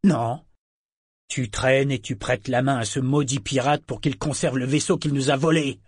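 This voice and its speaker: A man voicing a bitter, domineering father, loud and contemptuous in his anger. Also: mid-range voice, normal speed, breathy edge, no room sound, studio quality, close to an everyday voice. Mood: raging. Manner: contemptuous, scornful, shouting in rage. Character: bitter domineering father, furious sea captain.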